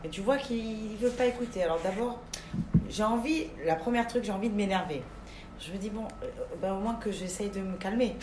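A woman's voice: mid-range voice, brisk, darkish tone, slight background noise. Earnest mother in an echoey room. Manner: earnest, thinks aloud about her own struggles. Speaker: class participant, mother. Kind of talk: casual personal account.

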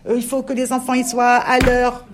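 A woman's voice: on the high side, completely flat delivery, moderate pace, noisy background. A woman leading a women's religious discussion, coaxing her listeners and often checking that they understand. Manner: coaxing, keeps asking "you understand?".

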